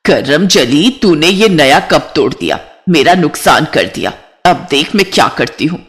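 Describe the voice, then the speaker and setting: A woman's voice: low-pitched, expressive, a little slow, a bit bright. A woman voicing a harsh middle-aged stepmother who scolds and nags. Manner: nagging, scolding.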